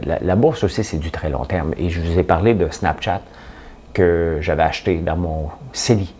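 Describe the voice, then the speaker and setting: A man with a Quebec French accent, hosting a casual morning talk to camera, rambling and animated as he tells stories. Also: deep voice, a little hiss or hum. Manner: chatty, rambling, animated storytelling. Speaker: host. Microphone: studio camera setup.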